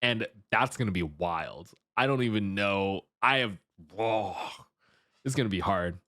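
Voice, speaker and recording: A man hosting a livestream with casual chat and commentary, jumping from excitable exclamations to low asides. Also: measured pace, no room sound, studio quality. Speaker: livestreamer and host.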